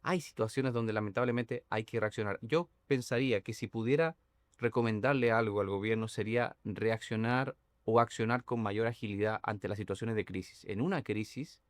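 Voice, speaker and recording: A man who is a guest on a political talk show, explaining communication strategy in a measured, analytical way with frequent hesitations. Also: lowish voice, dry recording, clean studio sound. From not Dominican, living in the Dominican Republic for years.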